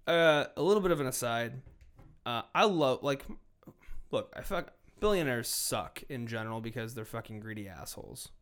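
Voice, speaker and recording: A man co-hosting a sports podcast in casual chat, animated and profane, swinging between loud bursts and low asides. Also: moderate pace, clear, resonant tone. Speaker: podcast co-host.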